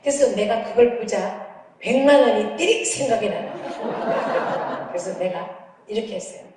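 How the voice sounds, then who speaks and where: A middle-aged woman lectures in a lively, humorous way and acts out little dialogues. She sounds distant from the mic, and long reverb rings through a large hall. A faint noise runs underneath. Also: a little high, normal speed. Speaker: counseling psychology professor giving a lecture. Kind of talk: lively lecture with acted anecdotes. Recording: echoey hall from far off.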